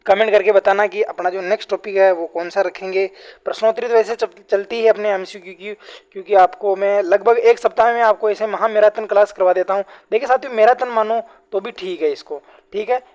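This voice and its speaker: A man's voice: high voice, darkish tone. A man teaching an exam-prep grammar class online, who keeps asking questions and answering them himself. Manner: repetitive call-and-response questioning.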